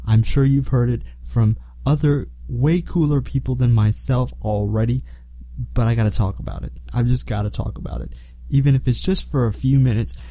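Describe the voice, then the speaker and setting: A man's voice: medium pitch, normal speed, mellow, no echo, rough recording. A man hosting a podcast solo, talking casually in a rambling, self-deprecating way. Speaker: podcast host.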